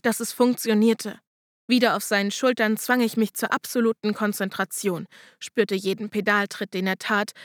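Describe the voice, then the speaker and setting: A woman narrating a first-person audiobook in a steady, measured reading voice. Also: medium pitch, dry recording, clean studio sound.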